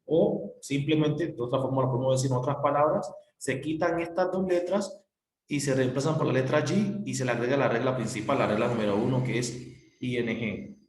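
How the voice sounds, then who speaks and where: Male teacher, mid-pitched, patient and repetitive, recorded in a roomy space. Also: a little fast, a little hiss or hum. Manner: patient, repetitive, spells out letters. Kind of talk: recorded classroom explanation. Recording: echoey room.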